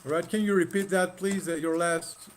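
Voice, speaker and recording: Man, host, high voice, halting, repeats words, video call. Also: fairly even intonation, a little hiss or hum. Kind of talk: online panel moderation.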